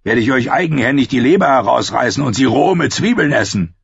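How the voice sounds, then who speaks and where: A man voicing a rough, blunt commander who makes threats. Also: medium pitch, expressive, fairly quick, dry recording, lo-fi sound, voice pushed up, heavily acted. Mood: gruff. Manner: gruff, blunt.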